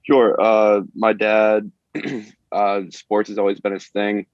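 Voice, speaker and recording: A man's voice: lowish voice, monotone, slow, dry recording. A young man from Maine, a college baseball player answering interview questions hesitantly, with many fillers and restarts, on a dull lo-fi recording. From Maine, USA. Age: young adult. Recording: dull lo-fi audio.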